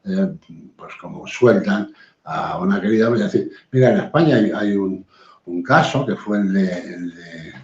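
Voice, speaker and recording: A man's voice: fairly low pitch, a little mellow. A man, a guest in a live-stream talk, speaking bluntly and assertively with many hesitant fillers. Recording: roomy, dull lo-fi sound.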